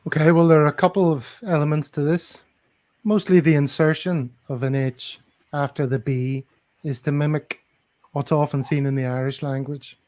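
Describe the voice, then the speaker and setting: A man co-hosting a podcast on a video call. He explains patiently and thoroughly, pausing to spell out words letter by letter. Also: fairly high pitch, fairly even intonation, darkish tone. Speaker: podcast co-host. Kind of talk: casual podcast chat.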